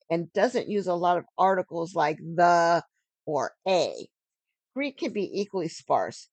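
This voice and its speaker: A woman giving an earnest teaching sermon on scripture, stressing key phrases and slowing down for emphasis. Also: mid-range voice, darkish tone, no echo. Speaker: Bible teacher.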